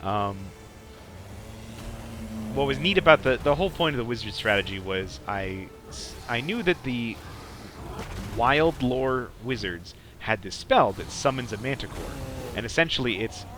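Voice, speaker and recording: Playing a strategy game, a young man hosting a podcast gives loose, rambling commentary peppered with "like." His voice is mid-range and animated, and he talks a little slowly. Music plays in the background.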